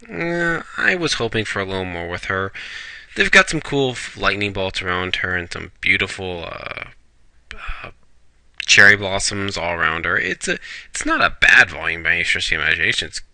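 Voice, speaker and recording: A man's voice: sits low, expressive, moderate pace, sharp tone, no room sound. A man casually reviewing a manga chapter, rambling along with fillers and restarts.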